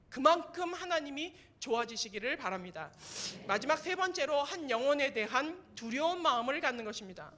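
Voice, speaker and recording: A woman pastor in her fifties preaching a sermon and sharing personal testimony, swinging between forceful passages and hushed, near-whispered ones. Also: on the high side.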